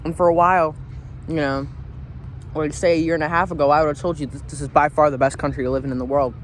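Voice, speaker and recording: A man's voice: fairly high pitch, little pitch movement, fast, a little hiss or hum. An American man giving a casual opinion monologue as a vlogger, informal and repetitive, often saying "you know.". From United States.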